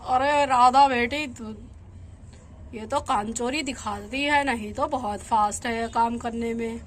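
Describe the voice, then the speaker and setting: A woman's voice: fairly high pitch, takes it slowly, a little hiss or hum. A woman doing a grumpy old village uncle. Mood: teasing. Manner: bickering, teasing. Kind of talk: doll storybook acting.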